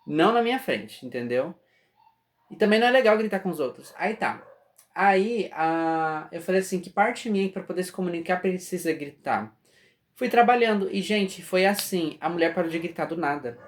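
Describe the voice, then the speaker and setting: A man's voice: high voice, lively intonation, normal speed. Chatty Brazilian man teaching spirituality. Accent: Brazilian Portuguese. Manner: conversational, often asks "entende?". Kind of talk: casual spiritual class.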